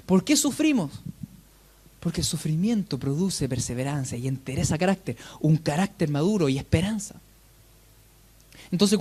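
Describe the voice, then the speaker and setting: Mellow-voiced preacher telling a story. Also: mid-range voice, husky. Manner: animated storytelling with rhetorical questions to the congregation. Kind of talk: sermon.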